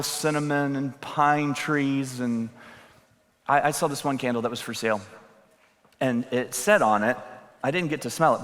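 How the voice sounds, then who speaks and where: A man preaching into a pulpit microphone, his voice sitting a little high. The sound carries a long reverb from a large hall. He talks in a loose, joking way and rises into emphatic calls to his listeners. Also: a bit bright. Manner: conversational and joking, building to emphatic appeals. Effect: speaking into a pulpit microphone. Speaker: pastor. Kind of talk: sermon. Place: church sanctuary.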